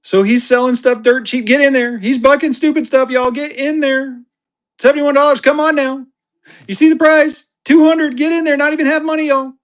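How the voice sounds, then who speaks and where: During a live stream, a tired man sells banknotes at auction, spurring bids in fast bursts and referring to himself in the third person. He has a very high-pitched voice.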